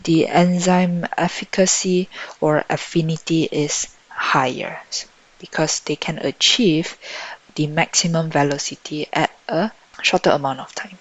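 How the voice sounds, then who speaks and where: A woman tutor thinking out loud as she works through exam questions in a lesson, on a dull lo-fi microphone. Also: sits low, steady tone, unhurried. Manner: thinking out loud while solving. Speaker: biology tutor.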